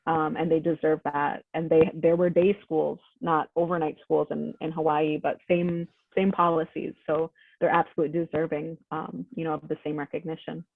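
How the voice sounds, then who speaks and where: This advocacy group workshop presenter, a woman on a video call, has a low-pitched voice with vocal fry and little pitch movement, speaking at normal speed. She's informative and affirming but uses "um" frequently. Her audio comes through tinny and dry, like a phone.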